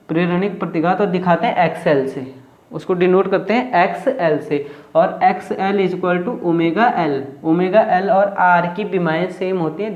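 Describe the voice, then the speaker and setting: A high-pitched man teaches physics, stopping to ask a question and then answer it himself, repeating each new term. The sound is dull and lo-fi, with a roomy echo around his voice. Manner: repetitive, asks and answers own questions. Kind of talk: whiteboard lecture. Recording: roomy, dull lo-fi classroom recording.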